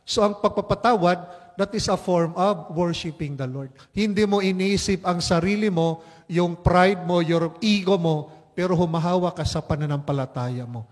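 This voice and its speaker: A man's voice: high-pitched, normal speed, big-room sound. A male Filipino priest giving a sermon, switching between Tagalog and English and putting questions to the congregation.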